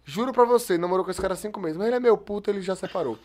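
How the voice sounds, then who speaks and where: A man's voice: high-pitched, racing, darkish tone. A man chatting casually as a guest on a talk show. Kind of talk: casual chat.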